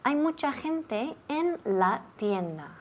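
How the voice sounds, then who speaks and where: A woman's voice: high voice, sing-song, takes it slowly, slight background noise. A woman teacher from running a bilingual English lesson, patiently repeating words for pronunciation drills. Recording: dull lo-fi sound.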